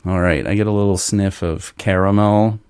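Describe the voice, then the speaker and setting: A man's voice: deep voice, fairly even intonation, moderate pace, a little mellow, clean tone, no echo. A man from Kentucky hosting a podcast, chatting casually and rambling, with filler words. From Northern Kentucky, US. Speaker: podcast host. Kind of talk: casual chat.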